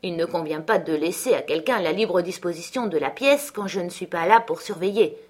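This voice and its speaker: Woman reading a rude bossy farm master from an audiobook, loud and scornful. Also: fairly low pitch, fairly quick, natural voice. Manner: forceful, scornful. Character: harsh domineering man, master of a farm.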